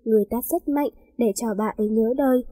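A woman voicing a loud, bold young woman disguised as a nun, in a spoken story. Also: on the high side, fast, no room sound, natural voice. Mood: accusing. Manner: brash and commanding.

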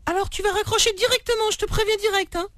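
A man's voice: very high voice, steady tone, fast, fairly bright tone, dry recording. A man putting on a voice as a haughty, provoking girlfriend in a prank phone call. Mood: snooty. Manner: snooty, provoking. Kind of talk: prank call role-play.

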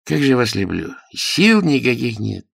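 A man's voice: mid-range voice, very animated, measured pace, vocal fry, fairly bright tone, no echo, studio quality, pitched above the performer's own voice, full character voice. A man voicing a tipsy, over-familiar male private detective who gossips, in an audiobook. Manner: drunken, over-familiar, giggly. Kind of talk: audiobook character voice.

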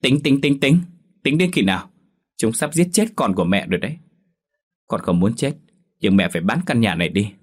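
A man's voice: deep voice, expressive, normal speed, slightly rough. A man voicing a whiny, desperate young woman. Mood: shrill angry. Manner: pleading, tearful.

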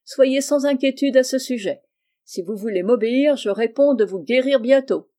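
A woman reading the part of a kindly middle-aged uncle and doctor, speaking in a gentle, reassuring way. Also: high voice, normal speed, natural voice. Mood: tender.

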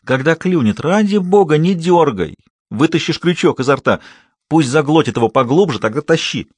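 A man reading an audiobook and voicing an adult male hunter who shouts urgent fishing instructions. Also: fairly high pitch, expressive, moderate pace, husky, no echo, clean studio sound, pitched above the performer's own voice. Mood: urgent shouting.

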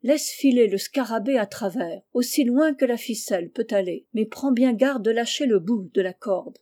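An obsessive, excitable man barks urgent questions and orders, as a woman reading the story voices him. The delivery is a little higher and louder than her narration, with a warm, mellow tone. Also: moderate pace, close to an everyday voice. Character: excitable eccentric man, obsessed treasure seeker.

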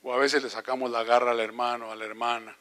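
A man's voice: mid-range voice, quick pace. An older man preaching a sermon as an evangelist, telling stories animatedly and asking the congregation questions. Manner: animated storytelling with rhetorical questions.

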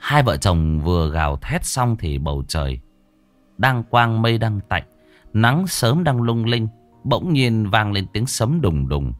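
Man, horror story narration, lively swooping delivery, lowish voice, faint music underneath. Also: a little slow, no echo. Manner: vivid, expressive storytelling.

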